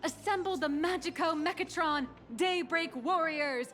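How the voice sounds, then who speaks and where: A woman's voice: extremely high pitch, unhurried, fairly bright tone, slight background noise. A woman playing an upbeat toy-company demonstrator in a video game, with a polished, persuasive ad-read delivery. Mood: rousing. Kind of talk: scripted sales-pitch video game acting.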